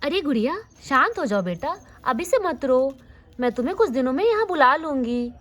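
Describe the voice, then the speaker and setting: A woman's voice: sits high, very animated, moderate pace, fairly bright tone. A woman voicing a caring, motherly sister-in-law who soothes and hurries the family along in a doll story. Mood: soothing.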